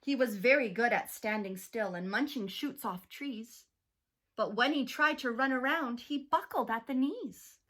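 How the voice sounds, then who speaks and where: A woman teacher reads a rhyming picture book aloud, slow and clearly paced for young listeners. Her voice sits fairly high and carries the rhythm of the verses with expression. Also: fairly bright tone.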